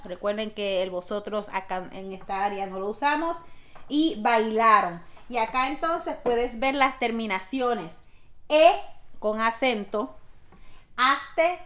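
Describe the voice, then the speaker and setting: A woman's voice: fairly high pitch, a bit bright. A woman teaching a grammar lesson, patiently explaining step by step with spoken examples. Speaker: Spanish teacher.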